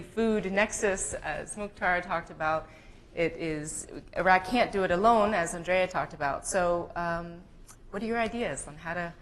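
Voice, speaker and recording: A woman moderates a conference panel, introducing a guest and then putting a question to him. Her voice sits somewhat low, and she stumbles through fillers and small pauses as she speaks. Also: fairly bright tone, low-quality recording. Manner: hesitant, laughing, many fillers.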